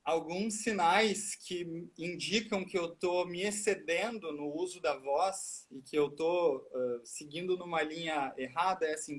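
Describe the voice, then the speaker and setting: A man, a speech therapist explaining things step by step in a live chat and asking himself rhetorical questions. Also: on the high side.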